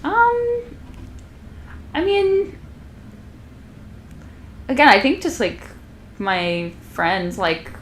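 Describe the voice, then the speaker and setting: A young woman being interviewed on a podcast, talking in a loose, rambling way full of fillers and quick laughs. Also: sits high, huge pitch swings, a bit bright, slight background noise. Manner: rambling, many fillers and restarts, laughs often. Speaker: podcast guest, violist and comedian. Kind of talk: casual interview chat.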